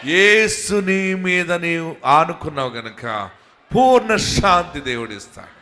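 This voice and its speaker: A man with a Telugu accent preaching a sermon as a pastor, moving from quiet talk to loud fervent shouting. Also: fairly high pitch, expressive, slow pace. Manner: calls the congregation to say hallelujah. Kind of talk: Telugu sermon with prayer and promises.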